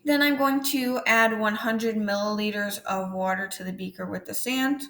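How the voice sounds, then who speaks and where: A woman's voice: medium pitch, normal speed, fairly bright tone, slight background noise. A woman teacher recording a lesson, giving step-by-step instructions as she demonstrates a hands-on activity at home. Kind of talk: recorded classroom lesson walkthrough.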